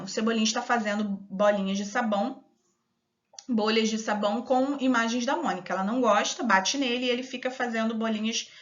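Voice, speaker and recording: A Brazilian woman teacher giving a recorded lesson to young children, patiently spelling out syllables slowly and clearly. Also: fairly high pitch, fairly bright tone. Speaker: primary school teacher. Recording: dull lo-fi audio.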